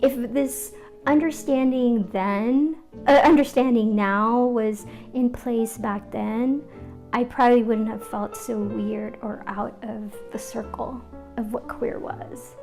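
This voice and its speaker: A woman's voice: fairly high pitch, fairly even intonation, slow, a little mellow, soft background music. A woman from the Philippines talking candidly and reflectively in a documentary interview, telling personal stories in a casual way. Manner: candid and conversational, reflective, with fillers and laughs. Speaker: interviewee, arts organizer.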